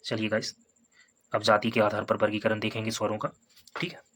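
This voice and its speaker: A man teaching a Hindi grammar lesson for exam preparation. He repeats each point, sounds out vowels slowly as examples, and keeps checking in with "है ना" and "ठीक है". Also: on the low side, flat delivery, a bit bright. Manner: repetitive, explains step by step with tags like "है ना" and "ठीक है".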